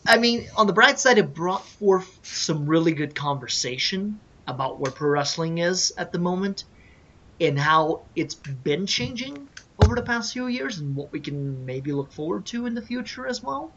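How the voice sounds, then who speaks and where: A man's voice: high-pitched, animated, normal speed, a bit bright. A man in a casual podcast chat, giving blunt, emphatic opinions. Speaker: podcast co-host. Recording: dull lo-fi audio.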